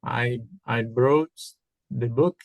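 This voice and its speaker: A beginner English student with a Brazilian Portuguese accent, speaking haltingly and repeating words. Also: medium pitch, gravelly, no echo.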